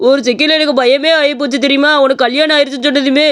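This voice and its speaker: Voicing a cartoon character, a dramatic and lovesick hot-headed young man, the actor wails with theatrical flair. His voice is very high, very fast and fairly bright, with little pitch movement. Audible hiss sits in the background.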